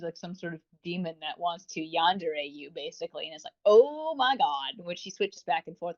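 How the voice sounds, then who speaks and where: On a lo-fi recording, a woman with a lowish voice co-hosts a podcast, reviewing audio dramas in an informal, gushing, chatty way.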